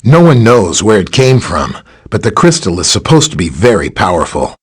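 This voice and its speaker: Fully in character, a video game voice actor brings a lively, husky superhero scientist to life, a friendly, knowledgeable, easygoing ally. His male voice is on the low side at normal speed, and he explains things casually during greetings and briefings.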